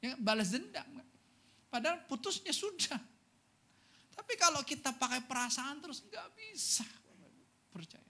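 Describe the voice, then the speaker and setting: A man pastor giving a Sunday sermon, telling stories with animated energy and often turning to address the congregation. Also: very high voice, normal speed, pauses often.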